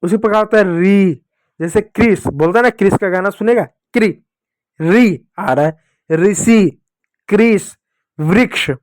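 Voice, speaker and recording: A man teaching young children the Hindi vowel signs, stretching syllables slowly so they can repeat them and fondly calling them dear children. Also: high-pitched, no echo, clean studio sound.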